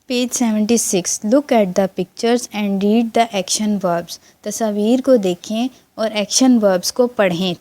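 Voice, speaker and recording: A woman teacher with a Pakistani accent going through a textbook lesson, reading English lines slowly and explaining them in Urdu. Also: mid-range voice, warm tone.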